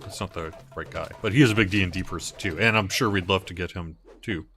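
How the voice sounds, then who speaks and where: A man hosting a game livestream in casual chat, haltingly thinking aloud as he plays and answers viewers. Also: deep voice, a bit bright. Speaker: livestream host.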